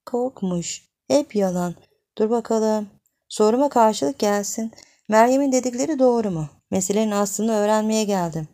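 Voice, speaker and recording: A woman doing a gruff, jealous village man. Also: mid-range voice, normal speed, warm tone, voice pushed up, natural voice. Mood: demanding. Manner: gruff, demanding, scolding.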